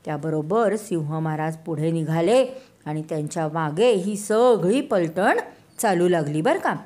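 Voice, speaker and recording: An older woman telling a children's story in a slow, sing-song way, addressing the kids directly. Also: on the low side, lively intonation, mellow. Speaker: storyteller grandmother.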